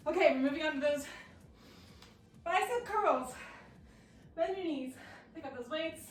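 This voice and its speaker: A high-pitched woman coaches a workout while exercising alongside. She sounds winded and encouraging. The recording is roomy, and she sits back from the mic. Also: lively intonation, a little slow, recorded from a distance. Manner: encouraging, breathless between exercises. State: out of breath. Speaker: fitness coach. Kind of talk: workout instruction.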